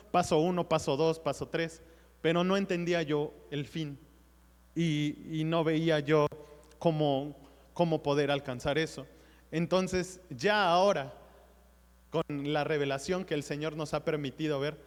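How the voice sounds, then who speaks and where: A man preaches a sermon, his voice sitting a little high for a man. He talks earnestly and directly to his listeners as brothers. The sound carries a long reverb from the church hall.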